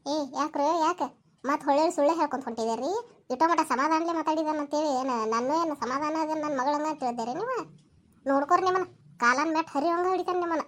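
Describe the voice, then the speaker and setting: An enraged village mother, played by a woman, delivers a loud, high-pitched scolding at a quick clip. She speaks with a North Karnataka Kannada accent in a comic skit. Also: natural voice. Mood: furious.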